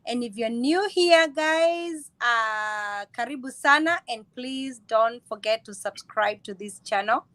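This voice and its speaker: A woman hosts a casual live stream. Her voice sits high, and she keeps dropping in short affirmations while her guest talks. The sound is close and dry, with almost no room. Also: slow, few pauses, no echo. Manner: warm greetings, frequent brief affirmations. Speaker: host.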